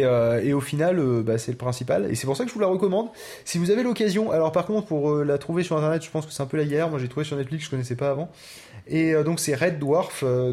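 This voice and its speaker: A man co-hosting a podcast in relaxed casual chat, hesitating with many fillers. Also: a little high. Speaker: podcast co-host.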